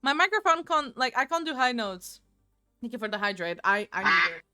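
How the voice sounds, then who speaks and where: Over loud music, a woman talks at a fairly quick clip in a slightly high, sing-song voice. She's streaming a game from home through a desk microphone, chatting and rambling with viewers and answering chat out loud.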